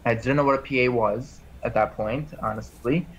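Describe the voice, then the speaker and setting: A man's voice: mid-range voice, normal speed, lo-fi sound. A man in his twenties, born in Armenia, talking casually as an interview guest and rambling with lots of "like" and restarts. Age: 20s. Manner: rambling, heavy use of "like" and restarts. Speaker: interview guest, PA school applicant.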